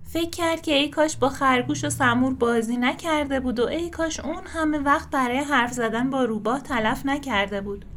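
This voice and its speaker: Woman, children's storybook reading, gentle, expressive, high voice. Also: few pauses, a little hiss or hum.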